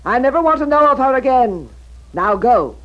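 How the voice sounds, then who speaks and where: A woman's voice: high voice, sing-song, normal speed, fairly bright tone, low-quality recording. A woman voicing a proud, vain and jealous wicked queen who speaks in a haughty, commanding, theatrical way in a storybook record. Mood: commanding, cold.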